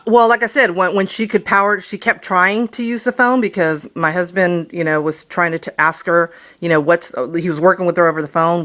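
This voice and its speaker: A woman's voice: low-pitched, fairly bright tone. Woman explaining things on a call. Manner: explanatory, persistent. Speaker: customer calling about a bill. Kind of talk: conversational phone call.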